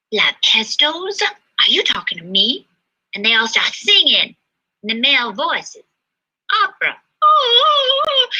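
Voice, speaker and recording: A woman performing a solo comedy monologue, chatty, swinging between loud exclaims and hushed asides. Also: a little high, breathy edge. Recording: dull lo-fi livestream sound.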